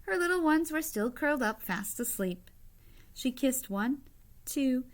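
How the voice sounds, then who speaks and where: In a high voice, a woman reads a children's picture book aloud like a teacher, phrasing expressively and deliberately and adding brief asides to her young listeners.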